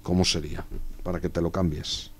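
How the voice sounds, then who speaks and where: A man's voice: deep voice, little pitch movement, brisk, breathy edge. A young man with a Spain Spanish accent, chatting casually and joking with his chat while streaming a strategy game. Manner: joking, chatty, reads chat aloud and riffs on it.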